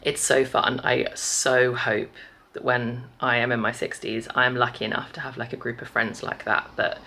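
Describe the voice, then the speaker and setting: Low-voiced chatty woman vlogging. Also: flat delivery, normal speed, pushed and bright. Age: about 30. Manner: chatty, rambling, with light laughs. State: a bit out of breath. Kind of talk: casual vlog chat to camera. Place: a house indoors.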